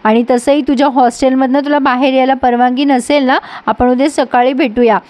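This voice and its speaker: A calm, sensible young man gently talks someone out of a plan, as a woman storyteller reads him. The voice is high and the sound dry and close. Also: brisk, no room sound, natural voice. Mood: reasoning.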